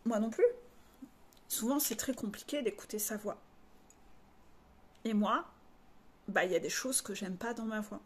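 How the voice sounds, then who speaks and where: A life coach from northern France speaks to her followers in a candid, confiding personal monologue, mixing blunt slang into her talk. Her voice is mid-range and unhurried, with long pauses and a little hiss or hum.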